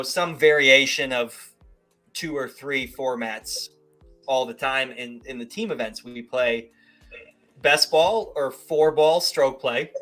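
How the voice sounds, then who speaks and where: A man's voice: medium pitch, pushed and bright. A man hosting a live amateur golf show, walking through rules step by step and tossing in rhetorical questions. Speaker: golf tour show host. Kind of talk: casual live show chat.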